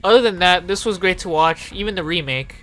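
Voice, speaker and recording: With music running behind the voice, a narrator swears freely through an informal video essay full of opinions. The delivery is brisk and animated at a medium pitch, and the recording sounds rough.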